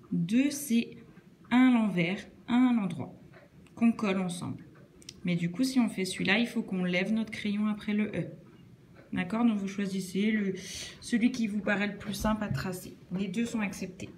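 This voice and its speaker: A woman teaching children cursive handwriting, explaining each stroke slowly and patiently, step by step. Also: mid-range voice, a little mellow, a little hiss or hum.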